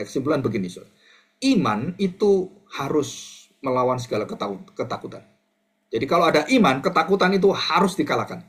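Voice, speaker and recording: A male pastor giving an animated sermon, acting out quoted voices and addressing the congregation directly. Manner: animated, acts out quoted voices with big pitch jumps; addresses the congregation as brothers and sisters.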